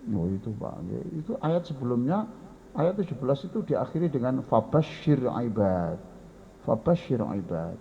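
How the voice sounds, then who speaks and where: A man's voice: medium pitch, sing-song, normal speed, muffled recording, noisy background. A man with a Javanese accent preaching a folksy sermon and speaking directly to his listeners. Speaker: Islamic preacher.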